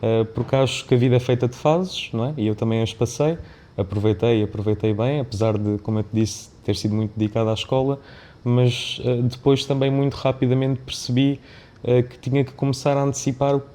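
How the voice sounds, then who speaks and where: A business founder and CEO appears as a podcast guest, speaking a little fast in a warm, medium-pitched voice with fairly even intonation. Born in Mozambique to an Indian family, he has a European Portuguese accent. He talks reflectively and discursively, often checking in with a tag question.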